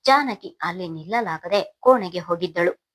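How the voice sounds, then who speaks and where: A woman narrating a Kannada novel in a steady, solemn storytelling manner. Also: lowish voice, normal speed. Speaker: audiobook narrator.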